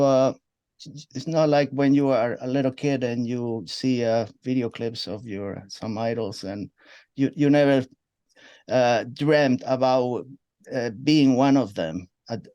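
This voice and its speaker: A man's voice: medium pitch, steady tone, unhurried, dark tone, smooth, no echo, dull audio. A man hosting an interview who asks long, meandering questions with many fillers. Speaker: interview host. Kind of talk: casual interview.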